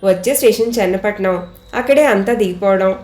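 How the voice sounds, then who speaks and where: A kindly older man on a train, as a woman narrator voices him, talks slowly and reassuringly with gentle amusement. The voice stays at a middle pitch. An echoey room surrounds it. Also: lightly acted. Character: kindly older male fellow passenger, reassuring.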